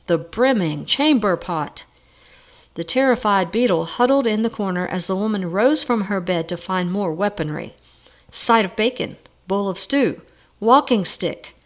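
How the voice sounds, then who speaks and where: A woman narrating a storybook novel aloud in a measured, even way. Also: mid-range voice. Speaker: audiobook reader.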